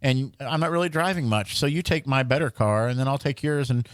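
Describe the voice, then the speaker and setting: With a medium-pitched voice recorded in studio quality without echo, a young podcast co-host talks a little fast. He's a rambling storyteller in casual conversation, full of jokes and frequent restarts.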